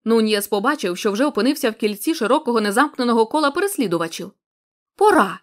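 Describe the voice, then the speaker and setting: A woman narrating a literary story as an audiobook, measured and expressive. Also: on the high side.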